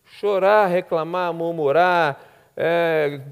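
A male pastor with a Brazilian accent preaching a sermon in a lively storytelling way, acting out quoted voices with slangy asides. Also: on the high side, very slow, creaky, clear, resonant tone. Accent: Brazilian Portuguese.

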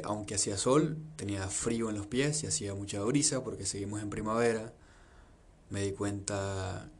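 A young Venezuelan man gives an earnest, reflective monologue about his life, often repeating phrases and listing things in long runs. His voice is fairly low, with a slight hiss or hum.

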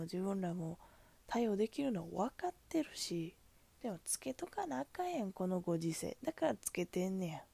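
A woman's voice: mid-range voice, vocal fry, mellow, slightly rough. A woman with a Kansai accent, a cashier, venting in a chatty, exasperated way about customers at the register. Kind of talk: casual venting monologue.

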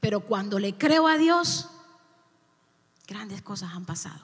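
A woman's voice: mid-range voice, expressive, a little slow, big-room sound. A woman, a youth pastor preaching a sermon in a church, with impassioned, emphatic repetitions.

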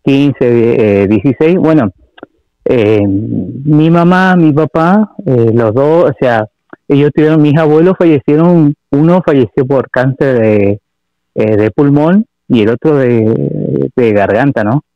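A man from Argentina with an Argentine Spanish accent, calling in to tell a personal story in a halting way, full of fillers and repeats. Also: medium pitch, no echo, highs cut off. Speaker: caller. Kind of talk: telling a personal story on a call-in show.

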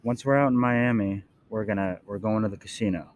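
A man's voice: on the low side, a little fast, slight background noise. A man co-hosting a casual podcast at an airport gate, laid-back, slangy and profane. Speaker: podcast co-host. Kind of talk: casual chat.

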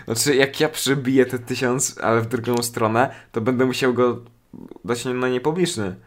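A man's voice: medium pitch, fairly even intonation, normal speed. A man co-hosting a casual podcast, joking around, swearing freely and pleading for subscribers. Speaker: podcast co-host and channel owner.

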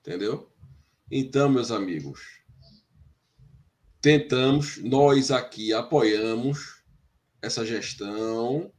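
Slow, hesitant male football commentator. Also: medium pitch. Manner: hesitant, searches for words, critical. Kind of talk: fan football debate show.

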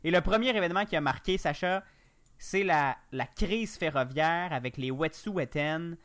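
A man's voice: on the high side, lively intonation, normal speed, fairly bright tone. A man with a Québécois accent hosting a morning podcast, asking his guest questions in a chatty, joking way. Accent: Québécois French. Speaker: podcast host. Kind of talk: casual radio panel discussion.

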